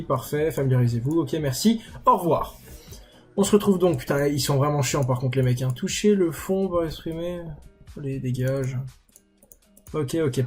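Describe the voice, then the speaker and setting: A man's voice: mid-range voice, a little mellow. A young man hosting a casual screen tutorial, chatty and self-mocking, with crude slang. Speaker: YouTuber tutorial host.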